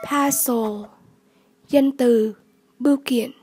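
A woman English tutor, slowly repeating vocabulary words and giving the word class, the stressed syllable and the meaning of each. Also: fairly high pitch, fairly even intonation, darkish tone. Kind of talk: vocabulary lesson.

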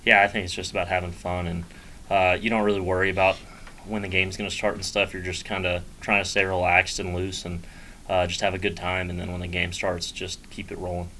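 Young college ballplayer, real low monotone voice, chill short answers, bit of room hiss. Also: male voice, a little fast, rough recording. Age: young adult. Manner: easygoing, brief plain answers. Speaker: college baseball player. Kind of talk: postgame press conference answers. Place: small press room in front of a sponsor backdrop.

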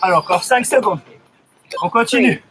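A middle-aged man coaching a cardio workout with energetic, urging short commands while exerting himself. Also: high-pitched, moderate pace. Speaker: fitness coach leading a workout. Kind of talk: live home cardio workout instruction. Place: outdoors in front of a house. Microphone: camera a few metres away. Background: workout music.

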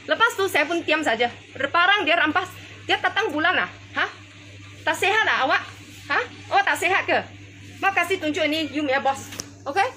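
A woman's voice: very high-pitched, animated, moderate pace, bright, forceful tone, slight background noise. An older woman, a customer confronting store staff as she films on her phone, repeating pointed questions. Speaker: customer filming a complaint. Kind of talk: heated confrontation. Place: small convenience store, indoors.

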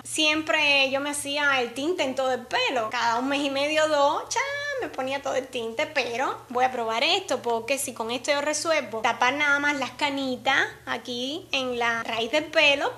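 A woman's voice: sits high, fairly bright tone. A woman chatting casually to her camera in a beauty vlog, friendly and talkative, laughing often and using lots of diminutives. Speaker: beauty vlogger.

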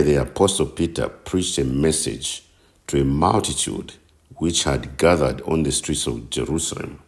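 A man giving scripted narration for a Bible teaching slideshow, reading slowly and carefully, with chapter and verse citations. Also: a bass voice. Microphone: voice-over.

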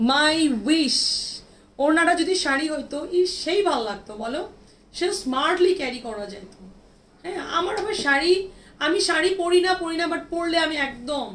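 A woman's voice: high voice, a bit bright, slight background noise. A woman hosting a live clothing sale, chatting casually and answering viewer comments while showing dresses. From Bangladesh. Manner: chatty, reads out and answers viewer comments, mixes in English words. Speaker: online boutique seller hosting a live sale. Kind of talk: live-stream sales chat.

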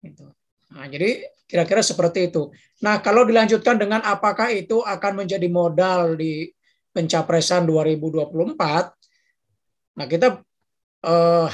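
A lecturer speaking in an easygoing, conversational way to the room. The speaker keeps checking in with tag questions and often breaks off to search for a word. The voice sits in a middle pitch. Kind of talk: informal lecture discussion.

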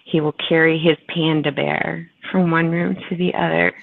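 Woman, fry in the voice, casual storytelling chat, thin phone-like audio, dry. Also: low-pitched, little pitch movement, normal speed, no echo. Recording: tinny phone-like dry line.

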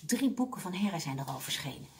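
Lively woman reading a kids' book aloud. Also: fairly low pitch, fairly quick, slight background noise. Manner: animated storytelling, expressive. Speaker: library reading consultant.

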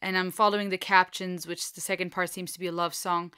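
A woman's voice: lowish voice, flat delivery, brisk, bright, forceful tone, smooth. A woman in her thirties hosting a music reaction, talking earnestly and emotionally as she thinks aloud in a small home studio. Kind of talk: casual reaction commentary.

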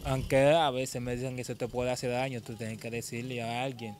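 Halting young man telling his story. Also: mid-range voice, flat delivery, darkish tone, slight background noise. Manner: halting, repeats words and restarts often. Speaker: interviewee. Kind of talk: personal storytelling in an interview.

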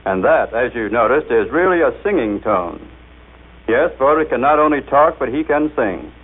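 A man at a middling pitch, jovial and explanatory, leading a scripted radio demonstration. His voice is squeezed into a thin, phone-like band, as on a 1939 broadcast recording. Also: animated, normal speed, slightly rough, faint music behind. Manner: jovial, explanatory, coaxing the machine.

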